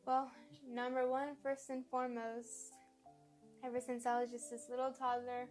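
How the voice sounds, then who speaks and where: Young girl, high voice, chatty interview answers, music playing clearly behind her. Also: little pitch movement, moderate pace, a little mellow.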